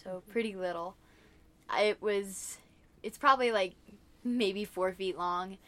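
A woman's voice: medium pitch, slow, sharp tone. Chatty young woman kayaker. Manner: chatty, with lots of fillers. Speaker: interviewee, kayaker. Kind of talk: casual interview answers.

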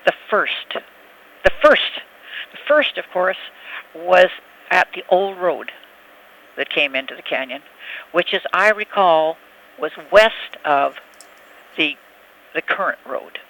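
An elderly woman reminiscing haltingly in a telephone interview, often searching for words. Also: on the low side, lively intonation, creaky, highs cut off. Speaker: oral history interviewee.

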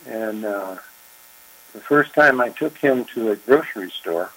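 An older man, a former park chief ranger, telling his story in an interview, unhurried and reflective with frequent pauses. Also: on the low side, fairly bright tone, rough recording. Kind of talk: oral history interview.

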